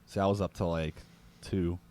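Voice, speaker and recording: Deep-voiced man making wry asides. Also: steady tone, normal speed, darkish tone, no echo. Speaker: podcast co-host. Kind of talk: casual chat.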